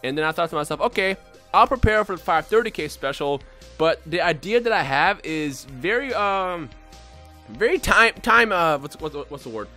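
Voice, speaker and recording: A young man from Bosnia, a YouTuber talking unscripted to his viewers in an excitable, rambling way with lots of restarts. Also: fairly high pitch, moderate pace, soft background music. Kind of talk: unscripted casual vlog talk.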